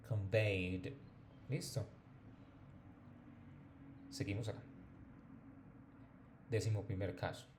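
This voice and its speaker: A man teaching a pronunciation lesson, explaining patiently and repeating each example word slowly and clearly. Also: lowish voice, dark tone, slight background noise. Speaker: English teacher.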